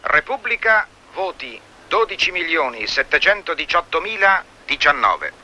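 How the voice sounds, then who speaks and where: An actor playing a formal 1940s radio announcer reading results in a solemn, declamatory way. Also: male voice, fairly high pitch, big pitch swings, normal speed, bright, forceful tone, exaggerated voice. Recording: noisy old film soundtrack.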